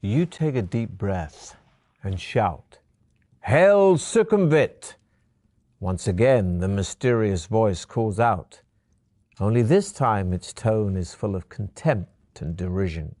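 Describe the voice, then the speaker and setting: A man narrating a fantasy gamebook adventure in the second person, in a measured storytelling manner. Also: lowish voice, dark tone, dry recording, clean studio sound.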